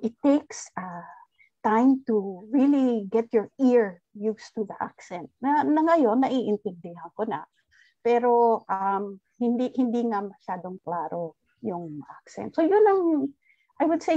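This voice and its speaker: A woman's voice: on the high side, warm tone, no echo, muffled recording. A woman from the Philippines, a former teacher, answering audience questions in an online forum and switching between Tagalog and English as she thinks aloud. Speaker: guest speaker, former teacher.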